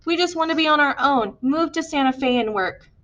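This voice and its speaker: A woman's voice: sits high, a little fast, a bit bright, voice pushed up. A woman doing an urgent defiant young man. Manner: emphatic, urgent.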